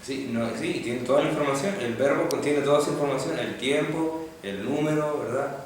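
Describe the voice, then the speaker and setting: A man's voice: mid-range voice, moderate pace. A man teaching a Hebrew grammar class, patiently explaining step by step and checking in with students. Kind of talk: classroom lecture. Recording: echoey classroom from far off, faint noise.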